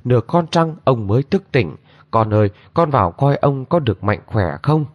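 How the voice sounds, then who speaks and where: A man's voice: medium pitch, expressive, no echo, lightly acted. A man doing a grieving, guilt-ridden noble lady. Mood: alarmed. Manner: lamenting, drawn-out sighing cries. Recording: dull lo-fi recording.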